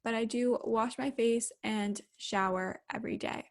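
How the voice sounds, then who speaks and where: Female lifestyle vlogger, somewhat high-pitched, casual explanatory narration. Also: fairly even intonation, unhurried, vocal fry. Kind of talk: casual narration of daily routines.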